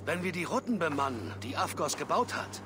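Earnest soldier, noisy ambience. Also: male voice, fairly high pitch, very animated, fairly quick. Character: earnest devout male soldier, loyal comrade. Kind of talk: video game voice acting.

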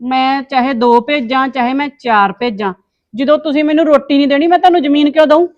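An actress playing a bossy landowning woman in a Punjabi short film, scolding with quick retorts, with a Punjabi accent. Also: high voice, fairly even intonation, dry recording, highs cut off, natural voice. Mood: angry.

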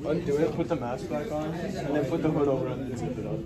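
A man's voice: on the high side, quick pace. A young man in his teens chatting casually and mockingly with classmates. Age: teens to young adult, high school student. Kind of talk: casual chat. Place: busy classroom, indoors. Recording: noisy room with loud chatter.

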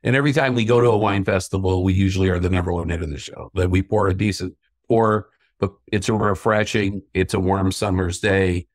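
A middle-aged man telling lively anecdotes in a casual interview about his sangria business. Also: low voice, brisk, dry recording, studio quality. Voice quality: self-described stubborn Irishman. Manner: chatty anecdotal storyteller, acts out quoted voices. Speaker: sangria company owner.

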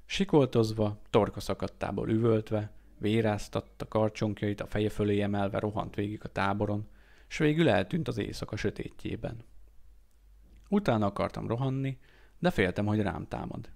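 A man narrates an audiobook with a steady, measured delivery. His voice sits low and carries a gravelly edge of fry. It is a plain amateur reading. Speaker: audiobook reader.

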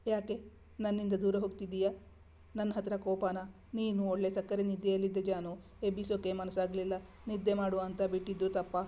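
A woman's voice: mid-range voice, little pitch movement, fairly quick, mellow, close to an everyday voice. A woman reading the lines of an affectionate, teasing young husband in a storybook romance, in a coaxing, playful way.

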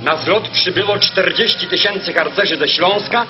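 A man reads an old newsreel in a formal, solemn official manner. His voice sits a little high. The sound is a dull, lo-fi 1940s newsreel track with clear music underneath. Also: normal speed. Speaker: newsreel narrator. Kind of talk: formal scripted newsreel narration.

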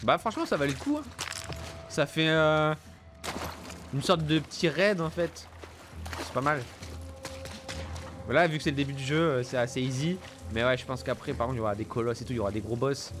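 A young man giving casual, joking and excitable game commentary in slang, jumpy when startled. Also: mid-range voice, fairly quick, pauses often, over music. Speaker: game streamer. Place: indoor room at home. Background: game sounds.

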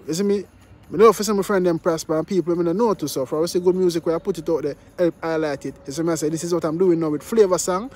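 A man's voice: a little high, a little mellow. A man reviewing a song in casual chat, talking in patois phrasing and singing along at times. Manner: Jamaican-style patois phrasing, sings along. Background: music playing.

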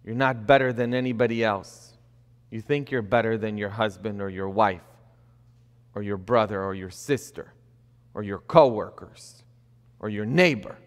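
Inside a church sanctuary, a middle-aged priest with a lowish voice preaches at a moderate pace from the pulpit, piling on emphasis and rhetorical questions. The fixed, distant camera picks up the long reverb of the hall.

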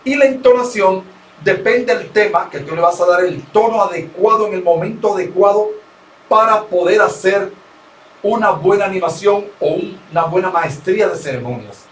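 A man's voice: high voice, normal speed, fairly bright tone. A man, a professional radio announcer, explaining his advice in a didactic way during an interview. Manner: didactic, lists points and gives advice. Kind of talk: conversational interview. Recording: roomy, distant mic with faint noise.

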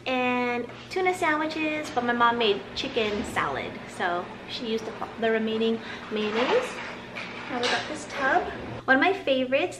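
A woman in her thirties casually showing off her grocery haul on her home vlog, chatty and upbeat, in a living room recorded by a camera. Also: high-pitched. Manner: chatty, upbeat, lingers on some words. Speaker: vlogger. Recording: roomy home audio with background hiss.

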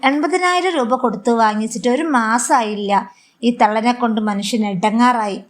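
A woman's voice: on the high side, normal speed, close to an everyday voice. A woman voicing a harsh, scolding young son in a Malabar Malayalam accent. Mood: angry. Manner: scolding, contemptuous.

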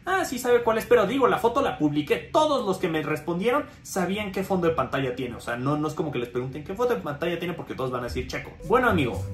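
A young man with a Mexican accent, telling a story in a sarcastic, exasperated vlog style. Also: high voice. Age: young adult. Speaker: youtuber. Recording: faint background music.

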